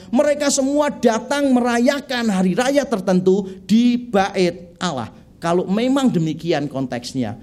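A middle-aged man preaching a sermon in a conversational, animated way, telling humorous stories. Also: high-pitched. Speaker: pastor.

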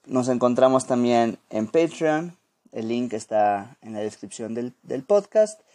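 A man with a Mexican Spanish accent hosts a podcast, interviewing guests in an informal, chatty way. His voice is mid-range and a little mellow.

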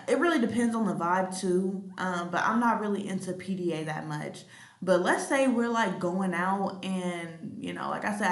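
A woman's voice: fairly low pitch, fairly bright tone, reverberant. A woman in her late twenties hosting a solo podcast, talking bluntly and casually with plenty of swearing and ums. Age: late 20s. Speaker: podcast host. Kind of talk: candid solo podcast monologue.

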